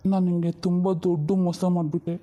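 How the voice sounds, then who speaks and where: A woman playing a guilty husband who pleads softly and apologetically. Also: on the low side, steady tone, fast, muffled recording, lightly acted. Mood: remorseful. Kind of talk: film melodrama acting.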